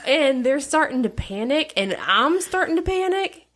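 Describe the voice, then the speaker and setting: Animated teasing woman on a podcast. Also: high-pitched, normal speed, noisy background. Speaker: podcast co-host. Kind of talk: casual chat.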